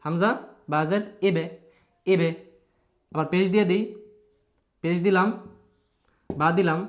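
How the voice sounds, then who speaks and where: A man's voice: sits high, normal speed. A man teaching Quran letter pronunciation. He repeats sounds over and over, asks the learner questions and mixes in English words. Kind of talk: online Quran recitation lesson.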